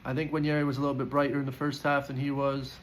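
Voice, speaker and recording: A football fan gives player ratings as a casual post-match reaction, chatty and opinionated, stopping and restarting sentences and filling gaps with ums. His ordinary mid-pitched voice has a level tone and a racing pace. The low-quality recording carries a faint hiss.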